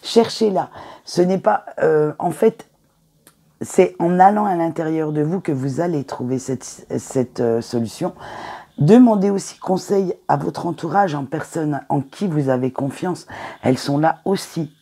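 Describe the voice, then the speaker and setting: A woman giving a weekly oracle card reading to her viewers, talking in a gentle, encouraging way with hesitant fillers. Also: sits low, a little slow, slightly rough. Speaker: tarot card reader.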